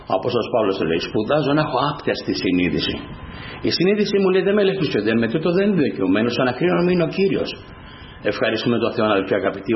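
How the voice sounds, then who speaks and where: A man's voice: medium pitch, slight background noise. A man preaching a fervent sermon to his congregation, breaking up his points with repeated praise refrains. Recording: echoey room, dull lo-fi sound.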